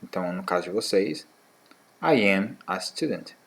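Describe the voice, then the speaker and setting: A man teaching a beginner English lesson to schoolchildren, saying model phrases slowly and repeating them, checking in with short "tá?" tags. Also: low-pitched, animated, vocal fry, a bit bright, slightly rough. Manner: slow, drawn-out model phrases, repeated for practice; fillers like "tá?" and "né". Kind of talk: English lesson for sixth graders.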